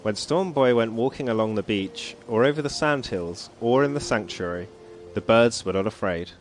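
Sitting at his computer at home, a man streams a game in a medium-pitched voice at a moderate pace. He muses aloud, reads the story text on screen, and keeps things casual with frequent chuckles. Game music plays faintly in the background.

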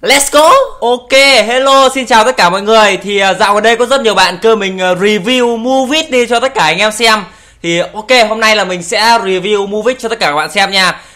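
A man's voice: high voice, brisk, sharp tone. A young man casually commenting on video clips, teasing and joking, laughing often and swearing in English. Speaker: YouTuber reacting to videos.

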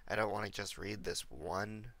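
A young man with a lowish, gravelly voice and a bright edge, getting over a cold. He rambles casually to his viewers while streaming a game, talking into a desk mic. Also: steady tone, moderate pace. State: recovering from a cold. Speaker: livestreamer. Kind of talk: casual gameplay commentary.

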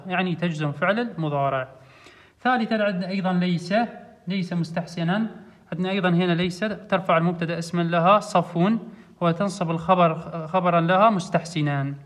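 Fast-talking high-voiced Iraqi male teacher. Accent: Iraqi Arabic. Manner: steady explanatory, repeats rules. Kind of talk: grammar exercise walkthrough.

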